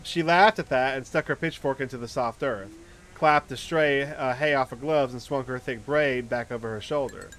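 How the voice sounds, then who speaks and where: A let's player voices a visual novel out loud, sometimes tripping over lines and chiming in with casual commentary. His medium-pitched voice has a fairly bright tone at a moderate pace, with background noise and ambience clearly audible.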